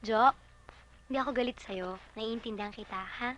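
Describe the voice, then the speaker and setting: An actress playing a young blind woman waiting for eye surgery, speaking in a gentle, emotional way. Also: fairly high pitch, normal speed, lightly acted. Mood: tender. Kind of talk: film acting.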